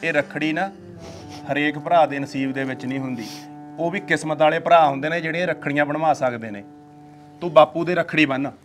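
An actor playing a calm husband who reassures his wife's father and talks with his mother. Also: fairly high pitch, a little fast, soft background music, close to an everyday voice.

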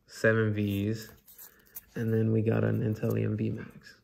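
A man's voice: fairly low pitch, monotone, measured pace, creaky, a little mellow. A young adult man chatting casually and bantering with lots of slang and swearing as he hosts a pack opening. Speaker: host of card pack opening video. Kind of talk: casual chat while opening card packs. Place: indoors at a tabletop. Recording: noisy room with card and wrapper crinkling.

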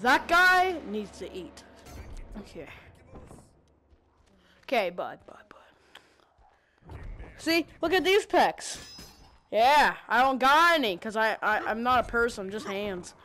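A woman giving casual gameplay commentary, excitable and swearing, making silly sound effects. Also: fairly high pitch, normal speed, a little hiss or hum. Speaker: gamer playing on stream.

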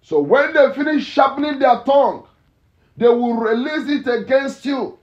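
A male pastor preaching a fervent morning sermon and prayer, repeating phrases and breaking into shouts. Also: very high voice, expressive, normal speed. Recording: echoey, dull lo-fi church recording.

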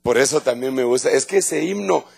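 A man's voice: medium pitch, expressive, brisk, vocal fry, breathy edge, faint music behind. A middle-aged man with a Guatemalan accent preaching an evangelical sermon in a church, speaking emphatically and conversationally to the congregation and often repeating his words. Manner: repeats words and restarts phrases. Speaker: pastor.

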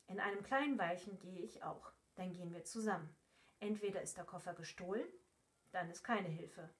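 A woman's voice: on the low side, normal speed, natural voice. A woman reading a blunt ship's stoker. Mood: matter-of-fact. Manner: blunt, matter-of-fact. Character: gruff grown male ship's stoker.

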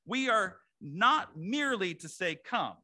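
A man's voice: high-pitched, very animated, slow, sharp tone. A male pastor preaching a sermon to his congregation in a conversational way, with asides to the room. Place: church sanctuary.

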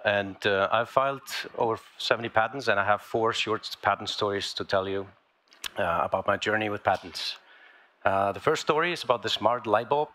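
Man presenting at a conference, low-pitched and sharp-toned, halting delivery. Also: a little hiss or hum. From Iceland. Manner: halting, many fillers and restarts. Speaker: inventor giving a talk. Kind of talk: conference talk. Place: large lecture hall, on stage.

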